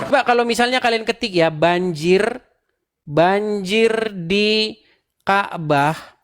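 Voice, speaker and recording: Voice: medium pitch, noisy background. An online show host in a mocking debate commentary, sarcastic and laughing as he fires off rhetorical questions to the viewers. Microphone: own camera, livestream.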